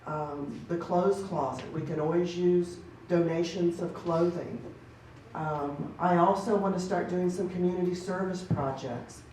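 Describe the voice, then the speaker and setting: A woman's voice: lowish voice, fairly even intonation, unhurried, dark tone. A woman running a community program, speaking informally with fillers to an audience in a meeting room. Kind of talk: casual talk to an audience. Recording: very echoey room from far off, faint noise.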